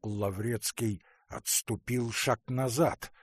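A man narrating a classic novel in a measured, expressive audiobook reading. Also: medium pitch, breathy edge, no echo, studio quality.

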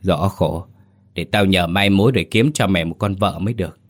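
A man's voice: deep voice, moderate pace. A man voicing an irritable old blind mother who grumbles and scolds her son in a told story. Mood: grumbling.

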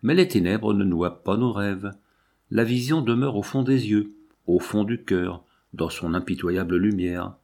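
A man narrating a classic novel as an audiobook, in a slow, measured and solemn manner. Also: lowish voice, gravelly, a little mellow.

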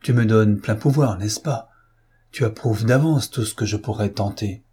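A man's voice: lowish voice, moderate pace, warm tone, breathy edge. A man voicing a stern, loyal woman friend. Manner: stern, earnest. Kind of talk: audiobook reading.

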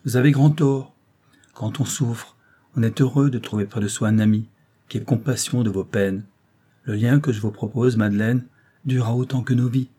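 A man voicing an earnest young man in love, speaking in a grave, calm and measured way in an audiobook reading. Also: mid-range voice, husky, close to an everyday voice.

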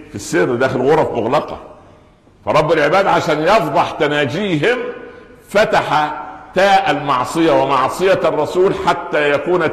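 A man with an Egyptian accent giving a Friday sermon lesson, asking the audience rhetorical questions and shifting between classical and colloquial Arabic. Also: medium pitch. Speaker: preacher. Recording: echoey hall with long reverb.

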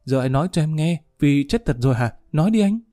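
A man voicing a fiery, distraught young woman in a spoken story, pleading and shrill. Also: lively intonation, fairly quick, mellow.

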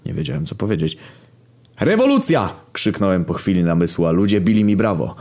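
Deep-voiced man telling a comic story. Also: quick pace. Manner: deadpan narration with sudden loud outbursts. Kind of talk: comic first-person storytelling.

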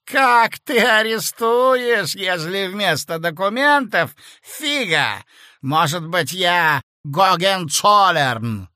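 A man's voice: sits high, animated, takes it slowly, bright, forceful tone, no room sound, clean studio sound, voice pushed up, exaggerated voice. A man voicing a rattled clerk who speaks in abrupt, demanding bursts. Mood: agitated. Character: nervous clerk, rattled and brash.

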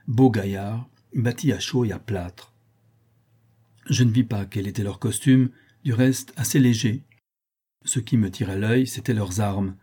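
A male audiobook narrator reading a first-person adventure. His voice is low, mellow and husky. He reads in a steady, measured way.

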